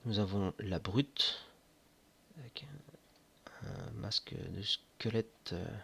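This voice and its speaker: Man, lowish bright voice, unhurried and hesitant, chatting about game figurines. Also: fairly even intonation, vocal fry, a little hiss or hum. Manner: slow, hesitant, many fillers. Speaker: board game reviewer. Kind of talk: casual unboxing commentary. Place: indoors at home near board games.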